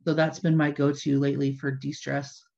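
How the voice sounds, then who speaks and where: Deep-voiced woman, muffled recording. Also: little pitch movement, moderate pace, creaky, a little mellow. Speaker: podcast co-host. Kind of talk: casual chat. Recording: dull lo-fi sound.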